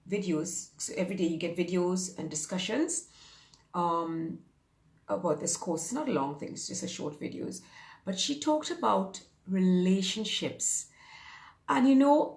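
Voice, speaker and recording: A woman in her fifties talks to viewers as a coach in a casual live stream. She is upbeat and chatty, and she wanders through her points with lots of ums. Her voice sits at a middle pitch and bounces around a roomy, echoing space. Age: 50s. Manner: chatty and upbeat, rambling with many fillers. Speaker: fitness and mindset coach. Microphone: phone or webcam on a live stream.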